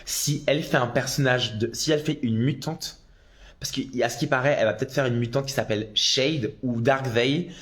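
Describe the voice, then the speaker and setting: A man's voice: medium pitch, moderate pace. Chatty man on a phone live stream. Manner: chatty and excitable, with bursts of loud exclamations. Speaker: drag performer on a live stream. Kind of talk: casual live-stream chat reading viewer comments.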